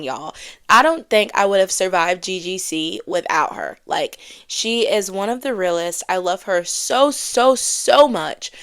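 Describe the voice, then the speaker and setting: A young woman in her twenties talks casually on her own podcast, full of fillers and friendly slang. Her medium-pitched voice carries a gravelly, creaky edge. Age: 20s. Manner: chatty and self-deprecating, with frequent fillers and Southern slang. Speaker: podcast host. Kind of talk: casual solo podcast chat.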